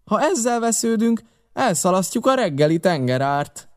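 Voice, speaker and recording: A man's voice: a little high, steady tone, a little mellow, clear, resonant tone, no room sound, clean studio sound, voice pushed up, natural voice. A man reading an audiobook, voicing a wily, boisterous pirate ship's cook who hollers across the deck. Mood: hollering. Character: wily one-legged male pirate cook, loud and hearty. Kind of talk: audiobook character voice.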